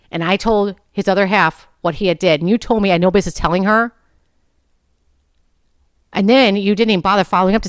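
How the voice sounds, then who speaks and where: A woman's voice: mid-range voice, no room sound, clean studio sound. A woman in her forties hosting a personal podcast, talking in a candid, blunt way and swearing freely. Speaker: podcast host.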